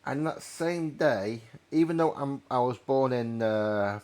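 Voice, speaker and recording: Rambling through a train simulator session, a North Wales man tells stories casually and keeps correcting himself along the way. He takes it slowly, with a mid-range, darkish-toned voice.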